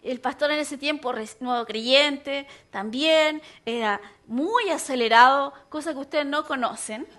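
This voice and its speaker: A woman pastor, preaching a sermon and telling a personal story in an animated way, acting out other people's voices. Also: high voice, a little slow, hardly any pauses.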